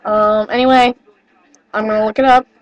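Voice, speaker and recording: Speaking at a moderate pace in a level, slightly high voice, a teenage girl vlogs from a small wood-paneled bedroom, a bit nasal from a cold she's getting over. She rambles chattily, self-deprecating, with many fillers and apologies. The built-in webcam mic sounds dry with the highs cut off.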